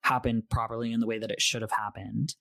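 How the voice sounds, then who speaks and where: A man's voice: lowish voice, little pitch movement, quick pace, creaky, sharp tone, dry recording, studio quality. A man being interviewed as a guest, talking in a chatty, candid way. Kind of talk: casual interview chat.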